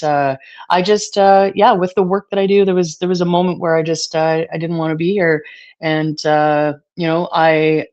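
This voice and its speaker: A woman being interviewed, talking casually in a halting way with many fillers, at times choked up with emotion. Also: sits low, darkish tone, highs cut off. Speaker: guest.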